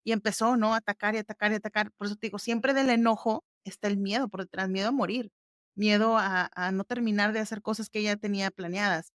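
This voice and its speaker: A woman's voice: mid-range voice, steady tone, quick pace, no echo, studio quality. A woman hosting a podcast, explaining exercises step by step in a casual, conversational way. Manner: explains step by step, conversational, warm fillers like "ujú". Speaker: podcast host.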